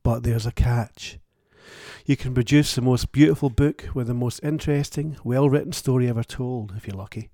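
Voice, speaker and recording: A man with a warm, low-toned voice and a little fry in it hosts his own show. He speaks alone in a plain-spoken, thoughtful and wry way. The sound is close and dry, with no room around it. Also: normal speed, dry recording. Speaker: author and podcast host. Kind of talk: reflective solo monologue.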